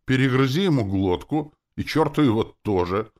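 A man's voice: mid-range voice, lively intonation, moderate pace, a little mellow, voice pushed up, close to an everyday voice. A man voicing a spiteful, boastful female demon who mocks and gloats. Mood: spiteful mocking. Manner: sneering and boastful. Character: mocking proud female demon, spiteful and loud.

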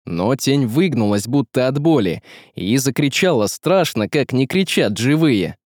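A man narrating a fantasy story in measured, dramatic storytelling. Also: medium pitch, lively intonation, a little mellow, no room sound, studio quality. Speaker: audiobook narrator. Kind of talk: scripted narration.

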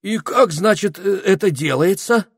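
Male narrator voicing a sneaky toad spy, shrill and wheedling, loud. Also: very animated, normal speed, no room sound, clean studio sound. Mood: excited. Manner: whiny, wheedling, cocky.

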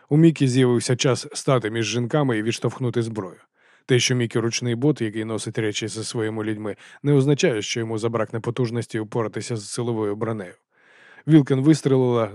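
A man narrates an audiobook in the first person, in a deadpan and sardonic tone. He reads at a brisk, quick pace. The recording is close and dry, with no room sound. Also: mid-range voice, no echo. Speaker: audiobook reader.

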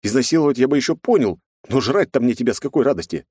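A man's voice: mid-range voice, lively intonation, quick pace, dark tone, husky, no room sound, clean studio sound, pitched above the performer's own voice. A man voicing an exasperated, blunt young man who swears as he argues. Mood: indignant. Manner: exasperated and coarse.

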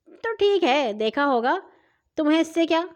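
A woman's voice: high voice, lively intonation, pitched above the performer's own voice. A woman playing a jittery, stammering mother. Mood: offhand. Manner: stammering and panicky. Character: flustered, fearful mother of a household.

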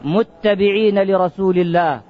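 A man's voice: high voice, moderate pace, dull audio. A man preaching a sermon, asking the listeners questions and stretching out key words for emphasis.

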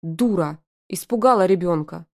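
A woman's voice: on the low side, moderate pace, a little mellow, close to an everyday voice. A woman doing a stern angry young father. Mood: cold anger. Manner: growling, clipped, cold.

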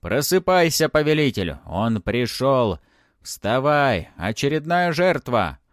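A man voicing a chorus of bloodthirsty cursed spirits, shouting in a frenzy in a storybook reading. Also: mid-range voice, very animated, slow pace, no echo, studio quality, voice pushed up. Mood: frenzied shouting.

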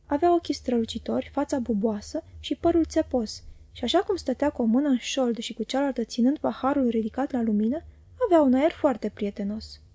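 A woman reading a classic novel aloud as an audiobook narrator, calm and measured, on a close studio mic. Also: high-pitched, slightly rough, no room sound. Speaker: audiobook reader.

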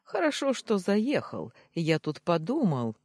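A narrator doing a blustering fat uncle in an audiobook, voice jumping high and low, spluttering and shrill, dry close sound with no room to it. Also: male voice, huge pitch swings, unhurried, darkish tone, dry recording, heavily acted. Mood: fawning. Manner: shrieking, spluttering, then nervous babbling. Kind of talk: audiobook reading.

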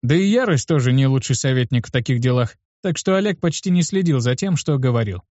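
A man narrating a first-person novel in a lively, ironic storytelling manner. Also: mid-range voice, fairly quick, no echo, lo-fi sound. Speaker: audiobook narrator.

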